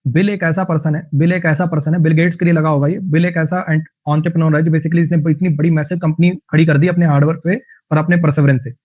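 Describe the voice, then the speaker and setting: A male teacher with a Haryanvi-tinged Hindi accent, giving an online vocabulary lesson in a chatty, jokey way with lively anecdotes. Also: on the high side, quick pace, muffled recording.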